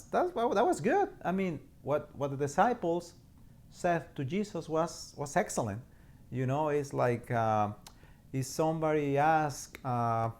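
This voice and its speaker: A man's voice: on the high side, a little mellow. A priest from Mexico, speaking a short homily in an earnest way, often repeating words as he searches for them.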